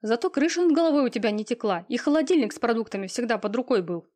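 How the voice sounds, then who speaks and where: A woman's voice: a little high, expressive, quick pace, a little mellow, natural voice. A woman voicing a smug, cold, lazy young man in an audiobook, talking in an offhand, sneering way with coarse slang. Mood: scornful. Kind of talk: audiobook reading.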